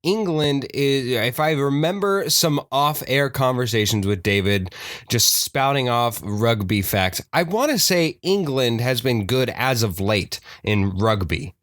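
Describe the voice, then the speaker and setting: A man's voice: medium pitch, expressive, unhurried, fairly bright tone, dry recording, studio quality. A man co-hosting a casual podcast, rambling and joking as he guesses at trivia. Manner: rambling, jokey. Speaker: podcast co-host. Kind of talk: casual chat.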